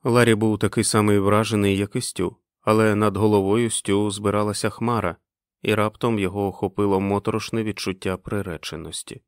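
Low-voiced male audiobook narrator. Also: fairly quick, clean tone, no echo, studio quality. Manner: expressive storytelling.

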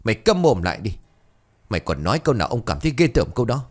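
A man's voice: on the low side, sing-song, fast talker, darkish tone. A man voicing an old, domineering village chief who barks and scolds, in a spoken ghost story. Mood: furious. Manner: barking, scolding.

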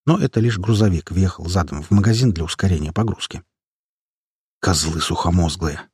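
A man's voice: low-pitched, animated, quick pace, mellow, husky, no echo, studio quality. A man narrating an action story audiobook in the first person, telling it dramatically.

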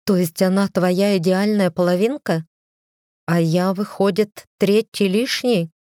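A woman voicing a defiant, sharp-tongued young wife who speaks sarcastically and teasingly. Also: mid-range voice, a little slow, no echo, clean studio sound, pitched above the performer's own voice, close to an everyday voice. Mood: mocking.

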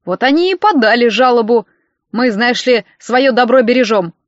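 A woman's voice: on the high side, expressive, dry recording, close to an everyday voice. A woman voicing a sly, pushy wealthy old man who drags out his words and turns snappish, on a dull, dry recording. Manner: drawn-out wheedling, turning snappish.

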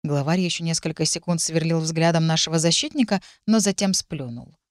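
A woman reading a first-person story aloud in an even, measured way. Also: sits low, no echo, clean studio sound. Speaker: audiobook narrator. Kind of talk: first-person audiobook narration.

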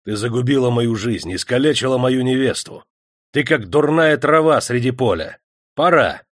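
A man voicing a stocky rebel leader who speaks in forceful, commanding declarations. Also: mid-range voice, lively intonation, moderate pace, no echo, studio quality, natural voice.

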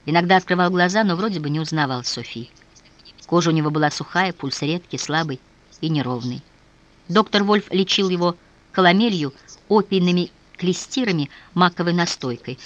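An audiobook narrator giving a measured, even reading of a historical novel, dropping low and soft in grim passages. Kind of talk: scripted narration.

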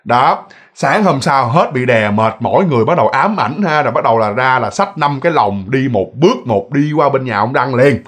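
A ghost story narrator with a Southern Vietnamese accent talks fairly quickly in a mid-range, husky, slightly bright voice. Animated and chatty, he repeats himself and speaks directly to those listening.

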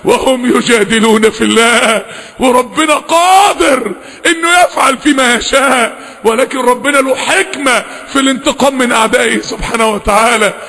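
A man with an Egyptian accent preaching an impassioned sermon, switching between rapid talk and loud, drawn-out recited verses. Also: very high-pitched. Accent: Egyptian Arabic. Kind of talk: impassioned Friday-style sermon. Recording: long echoing hall reverb.

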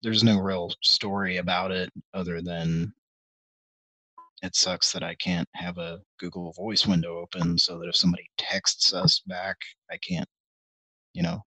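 Middle-aged man, slow rambling stream host, hesitant, wry asides, deep voice. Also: fairly even intonation, sharp tone, husky, dry recording, rough recording. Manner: meandering and hesitant, full of ums and restarts; wry, self-deprecating asides. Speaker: host of a live call-in stream. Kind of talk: rambling casual live-stream chat.

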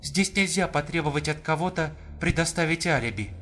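A man's voice: on the high side, brisk, fairly bright tone, soft background music, voice pushed up, close to an everyday voice. A male audiobook reader voicing an anxious, insistent adult woman in a pleading manner. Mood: urgent. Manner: pleading, insistent, rising in alarm. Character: distressed determined adult woman. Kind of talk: audiobook reading.

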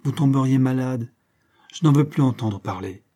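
A man's voice: mid-range voice, moderate pace, warm tone, close to an everyday voice. A man voicing an outspoken young woman in an audiobook, speaking emphatically and with indignation. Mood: affectionate firm.

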